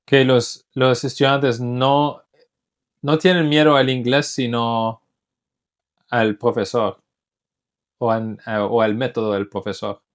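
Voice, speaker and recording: A man's voice: mid-range voice, flat delivery, slow pace, long pauses. Man speaking Spanish as a learned language. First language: English. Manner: thoughtful, restarts words while searching in Spanish. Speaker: English teacher. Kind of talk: casual talk to camera.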